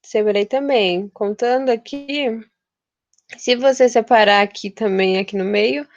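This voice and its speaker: Young woman from Brazil, informal teacher, chatty and stumbling; slightly high voice, dry muffled recording. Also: a little slow. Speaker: literature teacher. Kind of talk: casual recorded lesson. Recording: dull, lo-fi and dry.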